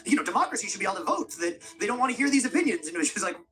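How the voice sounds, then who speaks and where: A man's voice: high voice, very animated, racing, sharp tone, soft background music. A man co-hosting a casual podcast chat, joking wryly and laughing often. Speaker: podcast co-host.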